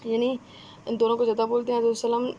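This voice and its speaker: A woman with a Pakistani Urdu accent giving a conversational exam-prep lecture, often pausing with fillers and checking-in tags. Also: fairly high pitch, monotone, warm tone, lo-fi sound, a little hiss or hum. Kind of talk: explanatory lecture.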